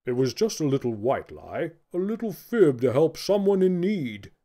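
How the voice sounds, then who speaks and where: Man playing a mellow, lively old Santa Claus. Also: on the high side, normal speed. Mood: flustered. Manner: warm, gently coaxing. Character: kindly, jolly old male Santa Claus. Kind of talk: children's audiobook character voice.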